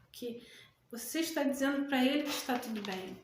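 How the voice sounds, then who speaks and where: A woman coaching listeners through anxiety, talking gently and slowing down to repeat calming phrases. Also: high voice, a little hiss or hum. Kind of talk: guided breathing talk. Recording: echoey room with faint ambience.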